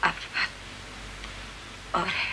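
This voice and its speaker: A woman's voice: takes it slowly, close to an everyday voice. An actress in her thirties playing a married daughter who keeps pleading with her mother, in a television drama. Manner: pleading, repeats "mamma", mixes in English phrases. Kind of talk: 1990s television drama acting. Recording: hissy old TV archive recording.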